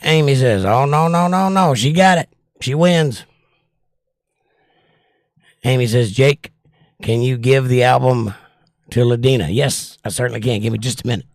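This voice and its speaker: With long pauses and a moderate pace, an older man reads chat comments on his livestream and casually replies. His mid-range voice shows years of trouble. The sound is dry and studio-clean.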